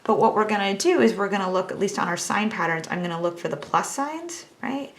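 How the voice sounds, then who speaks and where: A woman's voice: mid-range voice, animated, fairly quick. A woman teaching a math lesson, talking through each step on a calculator in a chatty, self-teasing way.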